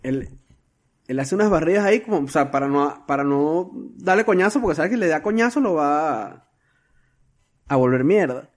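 On a casual film podcast, a male co-host retells scenes at a moderate pace in an expressive voice on the high side. He uses slang, swears freely and restarts often as he tells the story.

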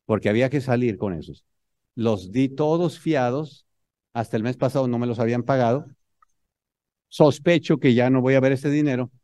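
A man's voice: mid-range voice, moderate pace, no echo. Funny motivational talk, mexican guy talking straight to the crowd, dry close sound. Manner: animated, humorous, addresses audience directly. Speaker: business speaker telling his story.

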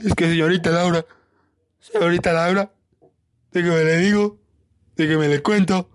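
A man's voice: high-pitched, fairly even intonation, moderate pace, dry recording, lightly acted. A man acting out an angry, pleading guest on a talk show. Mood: indignant. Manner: indignant and pleading.

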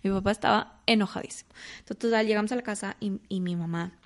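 Lively young woman, gravelly voice. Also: mid-range voice, fast. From Mexico. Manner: lively storyteller, acts out quoted family voices. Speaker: guest. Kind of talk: casual interview storytelling.

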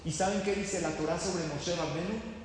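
A man's voice: high-pitched, fairly even intonation, moderate pace, slight background noise. A man giving a sermon to a live audience as a rabbi, telling stories and asking his listeners questions. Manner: storytelling, asks the audience questions. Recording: echoey hall with faint ambience.

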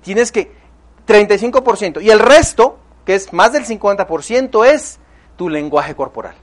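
Mexican guy pumping up a crowd at a seminar, high voice, really emphatic. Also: moderate pace. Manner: energetic, emphatic, addresses the audience directly. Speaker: motivational speaker. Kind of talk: motivational seminar talk.

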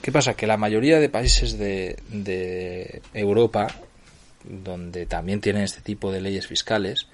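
Man from spain, spanish accent, middle-aged podcast host, lowish voice, explanatory and chatty, keeps checking in with listeners. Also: measured pace. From Barcelona, Spain. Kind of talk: solo podcast monologue.

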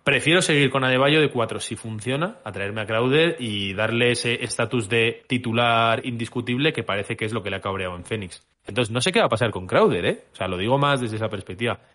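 A man's voice: mid-range voice, fairly quick, few pauses, fairly bright tone. Musing basketball fan, man. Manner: musing, hesitant, restarts often. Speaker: podcast co-host. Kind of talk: casual podcast chat.

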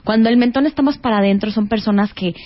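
A woman's voice: a little high, fast talker, muffled recording. A woman explaining face reading as a guest expert in a casual talk-show chat, often ending with a questioning "no?". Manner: explanatory, rhetorical tag questions.

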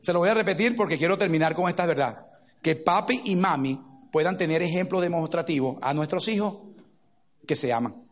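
Animated high-voiced man preaching. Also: a little fast. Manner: animated storytelling with acted-out quotes. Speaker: pastor. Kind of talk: sermon.

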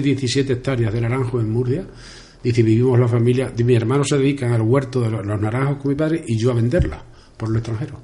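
Older man, extremaduran accent, mellow and warm tone, rambling storyteller, repeats words, radio guest. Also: mid-range voice. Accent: Extremaduran Spanish. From Spain. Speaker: interview guest. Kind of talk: storytelling in an interview. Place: local radio studio.

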